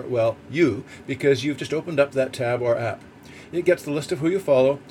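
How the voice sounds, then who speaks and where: A man's voice: mid-range voice, a little mellow. A man on a boat reads his own written article aloud as a podcast host, in an explanatory, opinionated way. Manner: explanatory, opinionated, with occasional rhetorical questions and asides. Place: on a boat in a snowstorm. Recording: clear background heater noise aboard boat. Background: background noise of boat heating.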